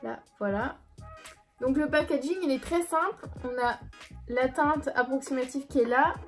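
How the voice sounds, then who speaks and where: A woman's voice: high-pitched, normal speed, soft background music. A young woman chatting casually through a beauty haul and review, light and self-deprecating, with plenty of hesitant fillers. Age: young adult. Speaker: beauty vlogger. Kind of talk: casual product review vlog.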